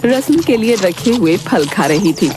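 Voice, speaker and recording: A woman narrating a cartoon story in a calm, even storytelling manner. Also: mid-range voice, unhurried, music in the background.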